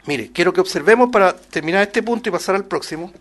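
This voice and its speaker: A man preaching a Bible-study sermon, rising loud on scripture quotes and dropping soft on asides, often calling listeners "brother" and asking rhetorical questions. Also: high voice, expressive, quick pace. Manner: addresses listeners as "hermano", many rhetorical questions.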